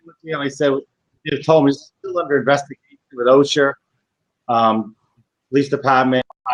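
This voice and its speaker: A man with a heavy Boston accent giving a halting, informal account of an incident over an internet call. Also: medium pitch, poor audio. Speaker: guest responder. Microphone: internet video call.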